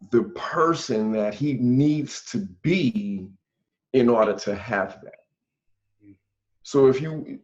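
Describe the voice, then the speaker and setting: Earnest man, forty, podcast co-host, unhurried, slightly muffled lo-fi recording. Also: medium pitch, darkish tone. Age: 40s. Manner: slow, earnest, thinks aloud, says "man" often. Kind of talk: casual conversation. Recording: dull lo-fi sound.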